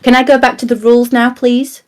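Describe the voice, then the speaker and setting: A woman's voice: fairly high pitch, level tone, brisk, crowd noise, voice pushed up, close to an everyday voice. Woman playing an exasperated, scolding fey guide. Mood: indignant. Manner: bossy, repetitive, emphatic scolding.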